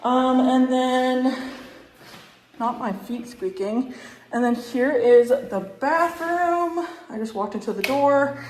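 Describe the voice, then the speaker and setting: A woman's voice: high voice, takes it slowly, a little mellow, slight background noise. A woman giving a casual, bubbly, enthusiastic vlog tour, chatting in an echoey, empty apartment. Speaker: vlogger. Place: indoors, small empty unfurnished apartment.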